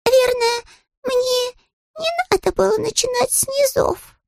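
Small polite cub voiced by a woman, very high and childlike, earnest, storybook audiobook, dry recording. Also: fairly quick, creaky, dry recording. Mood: sad. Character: small polite young male bear.

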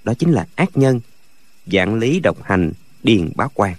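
A man narrating a martial-arts novel as an expressive audiobook reader. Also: on the low side, takes it slowly, no echo. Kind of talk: storytelling narration.

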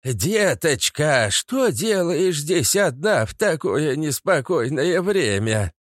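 A man voicing a fussy, stubborn old grandmother in an audiobook, with a drawn-out pleading lilt. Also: fairly high pitch, sing-song, no room sound, clean studio sound, heavily acted.

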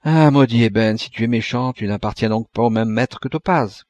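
A man's voice: mid-range voice, brisk, darkish tone, no echo, dull audio, natural voice. A man reading an audiobook, voicing a young dying man who asks pleading, indignant questions.

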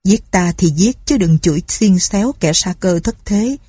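A woman's voice: fairly low pitch, lively intonation, normal speed, husky, dry recording. A woman voicing a desperate old father who pleads and cries out for help. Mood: defiant. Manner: pleading, then shouting for help.

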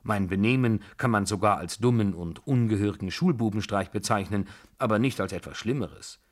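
A man's voice: lowish voice, brisk, natural voice. A man voicing a nervous, overwrought young tutor who justifies himself at length in a radio drama reading. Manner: overwrought, self-justifying, wordy.

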